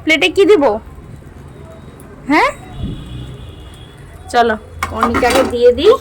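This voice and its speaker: A woman's voice: high-pitched, expressive, a little slow, background noise. A young woman with a West Bengal Bengali accent chatting casually to viewers while she cooks and feeds her daughter at home. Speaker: vlogger and mother. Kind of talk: casual home cooking vlog. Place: home kitchen.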